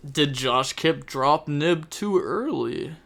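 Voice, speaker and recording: A man's voice: on the high side, animated, takes it slowly, vocal fry, fairly bright tone. A young man casually commentating a card game tournament on a live stream, chatty and thinking aloud, repeating phrases and laughing often.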